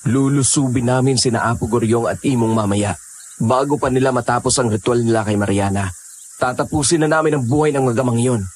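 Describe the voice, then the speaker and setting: A man playing a protective young man with aswang blood, speaking in an earnest, steady manner. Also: mid-range voice, a little fast, a little hiss or hum, natural voice. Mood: resolute. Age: young adult. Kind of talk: Tagalog audio horror drama.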